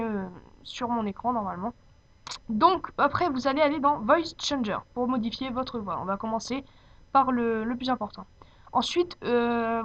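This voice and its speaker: Girl doing a homemade software tutorial, kinda high voice, hesitant and unscripted, muffled lofi mic. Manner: hesitant, searching for words. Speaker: tutorial presenter. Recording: dull lo-fi home microphone.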